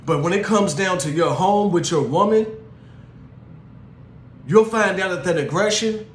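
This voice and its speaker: A man's voice: high-pitched, measured pace, reverberant, a little hiss or hum. A young man hosting his show, speaking in an earnest, conversational way and often dropping "man" and "you know". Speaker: podcast host. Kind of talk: casual monologue on relationships.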